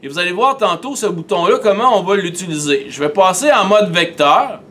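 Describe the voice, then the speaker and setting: A man with a Québécois accent, teaching a software tutorial and talking methodically through each step on screen. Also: sits high, expressive, fairly quick.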